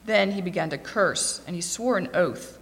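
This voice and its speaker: A woman reading scripture aloud in a steady, clear voice. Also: on the low side, normal speed. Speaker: scripture reader. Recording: long echoing reverb.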